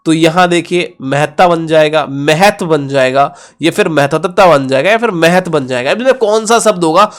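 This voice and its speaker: A young man with a fairly high voice walks students through exam questions. He counts syllables out loud and reasons through the answers as he goes, often doubting himself. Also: moderate pace, hardly any pauses. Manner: thinks aloud, second-guesses himself. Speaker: teacher. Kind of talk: exam-prep lesson, counting syllables aloud.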